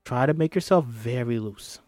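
A man's voice: mid-range voice, normal speed, a little mellow, no echo, studio quality, soft background music, voice pushed down, natural voice. A man voicing a bossy, encouraging acting coach in an amateur comedy script reading, instructing theatrically.

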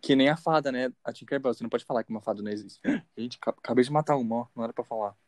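A man's voice: medium pitch, rapid-fire, a little mellow, no echo. Young brazilian guy joking around on a podcast, brazilian portuguese accent, dry close sound. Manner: playful, jokey, laughs often. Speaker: podcast co-host. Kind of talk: casual chat.

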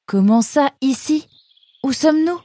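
An excitable young fox boy who pipes up high and protests at everything, as a woman puts him on. His voice stays warm and soft-edged despite the jumps. This is a children's storybook. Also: no room sound. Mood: indignant. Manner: high, exclaiming, quick to protest.

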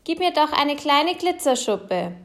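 A woman voicing a small, eager little blue fish who pleads in a high voice. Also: very animated, a little slow, full character voice. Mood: pleading.

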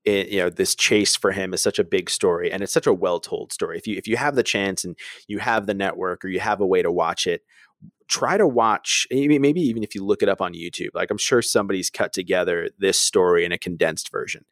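A man co-hosting a casual podcast chat, telling stories with lively acted-out quotes and frequent laughs. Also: low-pitched, brisk, no room sound, studio quality. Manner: animated storyteller, acts out voices, laughs often. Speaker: podcast co-host.

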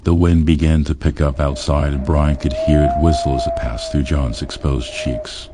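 A man reading a crude comedy story aloud in a deadpan, matter-of-fact way. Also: extremely low pitch, normal speed, heavy background noise. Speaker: audiobook narrator.

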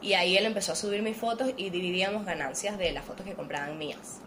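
A woman's voice: fairly low pitch, fast, a bit bright, a little hiss or hum. A woman from Venezuela with a Caribbean Spanish accent, chatting casually and telling her own story in informal, slangy talk. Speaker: podcast guest, actress and model.

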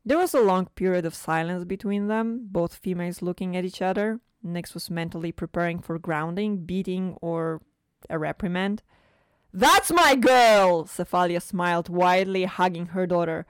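A woman narrating a story with an even, steady reading. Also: lowish voice, normal speed, clear, resonant tone, no echo.

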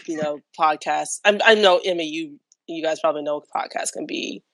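A woman's voice: low-pitched, fairly quick, fairly bright tone, no echo. A woman hosting a casual podcast, upbeat and chatty, who laughs easily as she talks. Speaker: podcast host.

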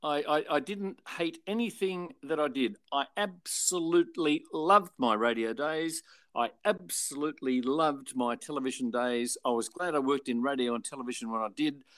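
An older Australian man who used to present on radio and television tells anecdotes in a relaxed interview, acting out the people he quotes. His voice is a little high, moderately paced, and free of echo, and his retelling is chatty and animated.

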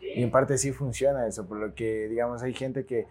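A man's voice: mid-range voice, normal speed. A young man, chatting casually and often chiming in with agreement. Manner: relaxed, chimes in with short agreements. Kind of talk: casual chat.

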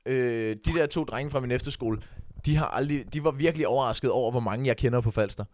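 A young man, co-hosting a podcast and telling a story with excitement, acting out the shouts he quotes. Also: mid-range voice, no echo, clean studio sound. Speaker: podcast co-host. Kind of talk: casual chat.

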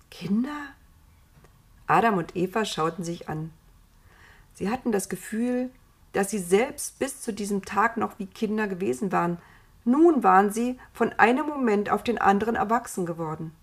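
A woman narrating a children's story in a calm, expressive storytelling manner. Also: medium pitch, moderate pace, breathy edge.

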